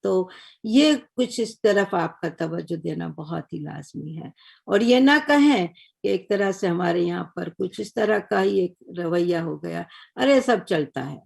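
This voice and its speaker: An older woman giving a lecture on Urdu, explaining patiently and measured, often checking in with her listeners. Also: lowish voice, vocal fry, a little mellow, breathy edge. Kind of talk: recorded lecture.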